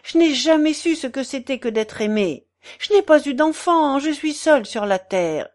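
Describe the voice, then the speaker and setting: A woman's voice: high voice, lively intonation, normal speed, a little mellow, pitched above the performer's own voice. A woman voicing a weary, despairing old bachelor in a storybook reading, plaintive and mournful.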